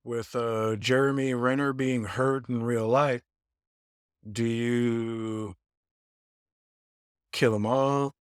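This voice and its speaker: A man co-hosting a podcast in casual chat, joking and asking deliberate questions. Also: medium pitch, fairly even intonation, smooth, no room sound, clean studio sound. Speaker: podcast co-host.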